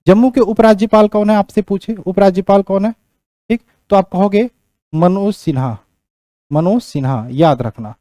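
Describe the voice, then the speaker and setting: High-voiced male teacher giving a lecture. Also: mellow, no echo. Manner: repeats key points, keeps checking in with "theek". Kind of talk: classroom lecture on geography.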